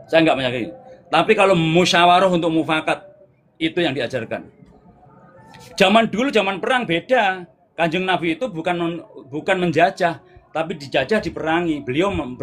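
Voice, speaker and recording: A man with a Javanese accent gives a relaxed spiritual talk in short, repeated phrases and answers viewers' comments on a live stream. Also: fairly high pitch. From Java, Indonesia.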